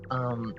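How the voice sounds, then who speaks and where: Against a noisy background and lo-fi sound, a medium-pitched man comments loosely on a video game he's playing, apologizing, restarting and leaning on fillers as he rambles.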